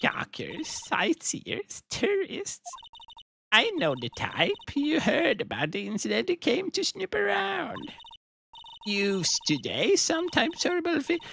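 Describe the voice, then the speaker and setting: A man putting on a shrill, cranky old security lady. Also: wildly swooping pitch, slow, vocal fry, fairly bright tone, slight background noise, exaggerated voice, poor audio. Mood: scolding. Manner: scolding, rambling, shrill. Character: cranky older female studio security guard. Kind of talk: fan dub of a video game. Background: music.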